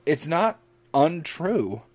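A man's voice: a little high, very animated, extremely slow, faint music behind. A man co-hosting a podcast in casual chat, telling crude, profane jokes. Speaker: podcast co-host.

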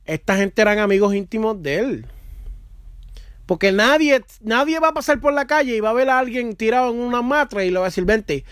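A man's voice: sits high, animated, brisk, fairly bright tone, no echo, clean studio sound. A man who works as a minister, telling a personal story in an earnest, conversational way during a faith talk. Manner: conversational, earnest, with fillers like "mano".

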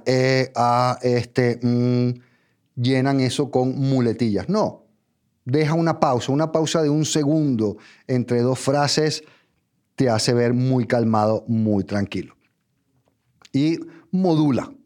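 A man giving a public speaking lesson, talking straight to the listener in numbered steps and checking in with a quick "ok?". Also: mid-range voice, darkish tone. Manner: direct, addresses listener as tú, numbered steps, frequent "¿ok?". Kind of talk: instructional talk.

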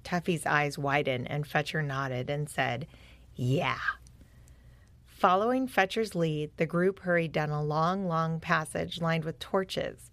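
A woman narrating a children's adventure story in a gentle, expressive reading style. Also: sits low, a little slow, hardly any pauses, no echo.

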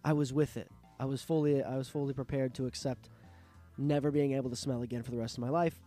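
A man's voice: mid-range voice, steady tone, quick pace, mellow, soft background music. A man hosting his own podcast, sick with a sore throat and a nasal voice, rambling and swearing in a casual monologue. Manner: rambling, profane, self-interrupting. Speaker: podcast host. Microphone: studio microphone.

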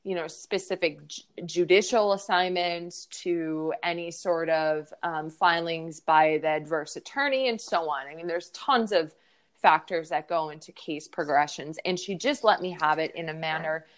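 A woman's voice: low-pitched, moderate pace. A woman, a yoga teacher, telling a personal story frankly and with feeling, using many fillers.

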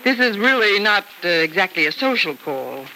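A woman's voice: medium pitch, big pitch swings, normal speed, sharp tone, low-quality recording. An American actress playing a stern, threatening woman in an old-time radio serial, clipped, formal and pointed. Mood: politely guarded. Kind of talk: old-time radio soap opera acting. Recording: old radio recording, faint noise.

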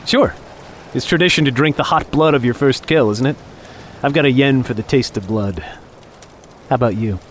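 A man's voice: mid-range voice, normal speed, a little hiss or hum, close to an everyday voice. A man playing a younger office underling on a hunt, talking on with mock cheer, taunts and menace in a dramatic audio story. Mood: falsely chummy. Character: younger male office underling, falsely chummy, needling, menacing hunting companion. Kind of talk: dramatic audio fiction acting.

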